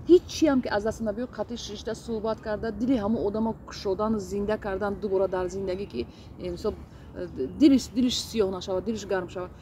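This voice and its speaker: Earnest woman, halting speech. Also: mid-range voice, dark tone, a little hiss or hum. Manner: earnest, hesitant, many restarts and fillers. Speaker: interview guest. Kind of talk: casual interview.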